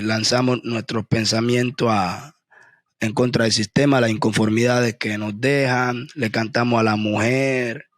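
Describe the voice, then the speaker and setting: A man's voice: lowish voice, a bit bright, dry recording. Colombian man answering interview questions, close dry sound. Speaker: musician, group member being interviewed.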